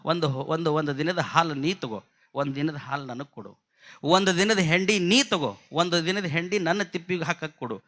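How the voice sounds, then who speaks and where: A man voicing a defeated village elder brother with a North Karnataka accent, pleading low and repeating himself. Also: normal speed, sharp tone. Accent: North Karnataka Kannada.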